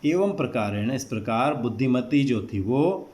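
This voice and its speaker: A male teacher explaining a classroom text line by line, slowly glossing each word and repeating meanings. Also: medium pitch, lively intonation, darkish tone. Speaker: Sanskrit teacher.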